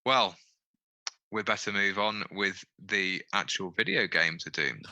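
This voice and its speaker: A man's voice: deep voice, unhurried, pushed and bright, rough recording. A man co-hosting a casual podcast, agreeing and chiming in briefly. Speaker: podcast co-host.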